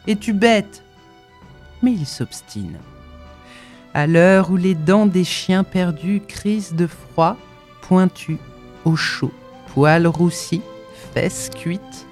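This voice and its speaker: A narrator reading a classic literary story aloud in a measured, expressive way. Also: medium pitch.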